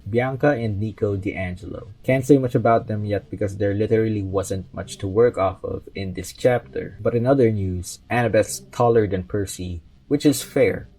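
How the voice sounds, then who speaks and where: Low, mellow-voiced man reviewing a book. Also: poor audio. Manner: conversational, lightly joking asides. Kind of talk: casual chapter-by-chapter book review.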